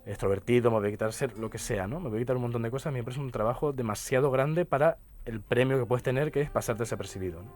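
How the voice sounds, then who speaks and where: Fast-talking Canarian man, chatty linguist. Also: mid-range voice, darkish tone. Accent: Canarian Spanish. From Canary Islands. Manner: talkative, explains with many tag questions. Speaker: guest linguist and poet. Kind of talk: radio interview conversation. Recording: radio studio with faint music behind.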